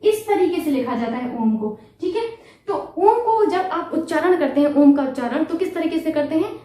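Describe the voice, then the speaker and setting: A woman with an extremely high, lively voice and a dark tone speaks at a moderate pace during a Hindi grammar lesson for exams. She questions her students and answers herself, patiently repeating key terms. The audio is echoey, her voice distant from the mic.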